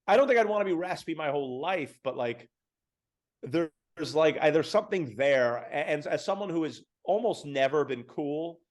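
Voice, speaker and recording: A man's voice: a little high, lively intonation, normal speed. Rambling man co-hosting a podcast. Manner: self-deprecating, rambling with many fillers. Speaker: podcast co-host. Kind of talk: casual chat.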